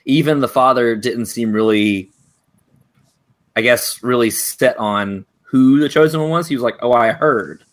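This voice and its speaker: A man co-hosting a casual fan podcast, animated and laughing often. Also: measured pace. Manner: animated, laughs often, acts out quotes in a higher voice. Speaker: podcast co-host.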